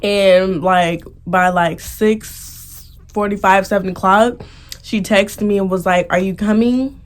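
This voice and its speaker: A young American woman vlogs a mukbang, casually telling stories and often giggling. Her voice is mid-range with fairly even intonation, and she speaks slowly.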